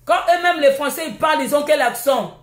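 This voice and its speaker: A Congolese woman with a high voice fires off a combative live stream rant. She scolds and insults her critics in a Congolese French accent. Her voice rings around an echoey room. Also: brisk. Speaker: livestream host.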